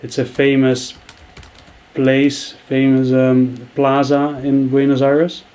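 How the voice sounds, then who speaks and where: A video editing tutor from the Netherlands, a man in his thirties, narrates a screen-recorded tutorial as he works through an edit. His mid-range voice is monotone and slow, with background noise behind it. He thinks aloud, with many fillers and restarts.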